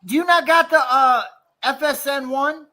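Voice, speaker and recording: A man's voice: very high voice, fairly even intonation, unhurried, bright, forceful tone. A man guesting on a sports show, chatting casually in friendly slang.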